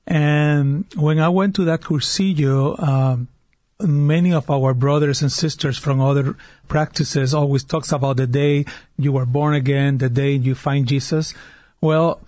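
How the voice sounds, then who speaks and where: Guesting on a radio interview, a man in his fifties from Puerto Rico, who works as a diocesan worship director, earnestly recounts a personal story, often restarting and repeating words. He has a Puerto Rican Spanish accent and a slightly high, slightly mellow voice with fairly even intonation and a measured pace, recorded in studio quality with no echo.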